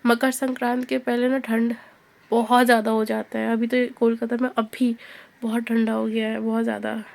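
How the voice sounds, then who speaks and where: Young woman, Indian accent, personal storytelling, slow and soft, gravelly, flat delivery. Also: on the high side. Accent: Indian English. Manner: mixes Hindi and English, slow and soft-spoken.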